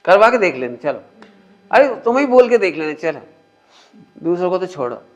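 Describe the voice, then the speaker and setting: A man's voice: high-pitched, very animated, normal speed, a little hiss or hum. A man teaching a spiritual discourse in a conversational way, often asking his listeners questions. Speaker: religious teacher. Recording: muffled lo-fi recording.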